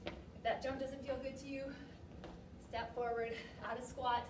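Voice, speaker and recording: A young woman working as an aerobics instructor, calling out cues and encouragement in short, energetic, motivating bursts. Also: sits high, unhurried. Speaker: aerobics and fitness class instructor. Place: large gym studio, indoors. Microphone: distant camera microphone. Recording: echoey gym, distant mic, noisy.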